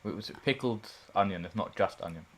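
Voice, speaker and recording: An English woman co-hosting a livestream from off-mic, talking in a dry, teasing, unhurried way. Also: extremely low pitch. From England. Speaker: co-host handling snacks. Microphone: no mic of her own, picked up off-mic.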